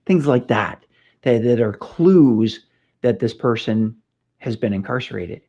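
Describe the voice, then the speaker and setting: This middle-aged Californian has a dark-toned, mid-range voice with lively intonation and a somewhat slow pace as he hosts a casual police training talk. Chatty and anecdotal, he fills pauses and restarts often, and the lo-fi recording sounds slightly dull.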